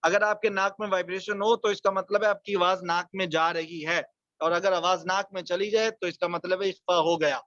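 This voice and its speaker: A man teaching a Quran recitation lesson online, explaining rules quickly and then reciting example words slowly and drawn out. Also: high-pitched, steady tone, a bit bright, no echo, muffled recording.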